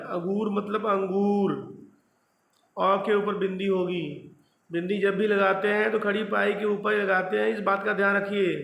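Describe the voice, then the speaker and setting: A man's voice: high-pitched, creaky, bright, forceful tone. A male school teacher patiently explaining a language lesson step by step, often checking in with his students. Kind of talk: classroom lesson video. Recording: echoey room with faint background noise.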